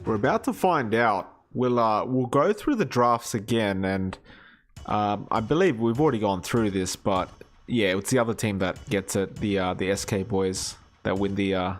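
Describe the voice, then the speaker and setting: A man casting a live video game match, animated and quick to rise at big plays. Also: on the low side. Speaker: esports caster.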